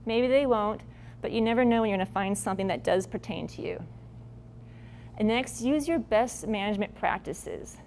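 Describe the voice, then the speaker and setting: A woman's voice: medium pitch, moderate pace, gravelly, darkish tone, a little hiss or hum. A woman presenting farming advice at a workshop in a casual, blunt, folksy way. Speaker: agricultural presenter.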